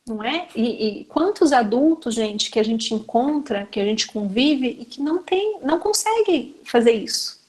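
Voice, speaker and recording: A woman's voice: fairly high pitch, lively intonation, moderate pace, few pauses, a little mellow. A Brazilian woman with a Brazilian Portuguese accent, teaching a class to educators in a chatty, conversational way and often turning to her listeners. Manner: chatty, addresses the audience directly with frequent fillers. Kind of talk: conversational lecture.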